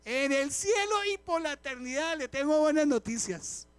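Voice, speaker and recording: The high-voiced male pastor delivers a live sermon to a congregation at normal speed, with no echo. Animated and chatty, he tells humorous stories and addresses questions directly to his listeners.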